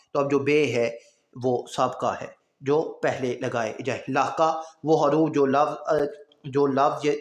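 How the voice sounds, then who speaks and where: Male teacher, mid-pitched voice, patient step-by-step exam-prep grammar lesson, keeps checking understanding, roomy echoey recording. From Pakistan. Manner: explains step by step, often checks with "theek hai".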